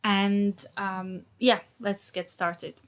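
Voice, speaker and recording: With drawn-out words and a medium pitch, a woman in her thirties gives an English lesson, speaking casually and haltingly with lots of fillers and restarts. The highs are cut off in the audio.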